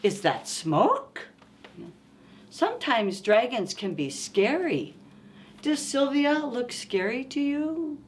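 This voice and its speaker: This is a storytime host, a woman with a high voice who takes her time as she reads a picture book aloud to small children. She's expressive and coaxing, asks them questions, and a little hiss or hum sits under the recording.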